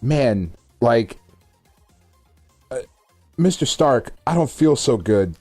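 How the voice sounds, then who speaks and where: A man with a mid-range, dark-toned voice co-hosts a podcast, chatting casually about films. He speaks slowly but very animatedly, emphatic and exclamatory, with loose, sweary language, and faint music plays behind him.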